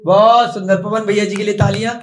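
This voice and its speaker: Patient male teacher, high-pitched, slow and repetitive, echoey classroom. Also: level tone. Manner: slow, patient, repeats and quizzes students.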